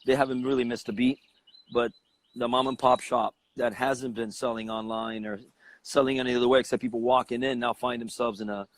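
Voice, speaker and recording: A man's voice: mid-range voice, level tone, fairly quick. A man from Cuba, a cigar company president, talking as an interview guest in a confident, persuasive way.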